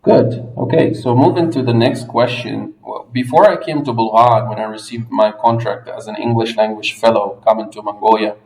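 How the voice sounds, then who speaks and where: A man from the United States hosting an interview, asking questions in clear, explanatory steps. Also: on the low side, fairly even intonation, normal speed, hardly any pauses, darkish tone. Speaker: interviewer, English language fellow. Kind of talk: podcast interview. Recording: echoey room, music underneath.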